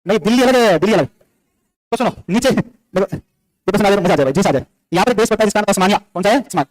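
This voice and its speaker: A man's voice: high voice, animated, very fast. A male teacher giving a classroom lecture, firing off questions and answering them himself, scolding and joking with the students in between. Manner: drills facts with repeated questions and answers.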